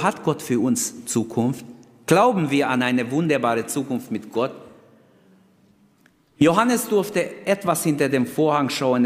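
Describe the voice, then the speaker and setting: A man preaching a sermon, earnest and emphatic, moving between brisk storytelling and slow, solemn phrasing. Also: lowish voice. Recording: long reverb of a hall.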